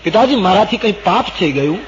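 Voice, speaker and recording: A man voicing a young prince, a devoted son who pleads in a high, urgent voice. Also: moderate pace, slight background noise, natural voice. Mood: pleading. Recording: dull old recording in a reverberant hall.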